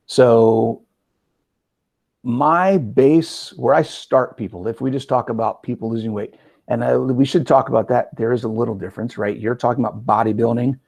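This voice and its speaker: A man in his forties hosting a casual interview as a coach, talking in an energetic, conversational way with frequent "right?" asides. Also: mid-range voice, normal speed, gravelly, breathy edge. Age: 40s. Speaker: podcast host and metabolic coach.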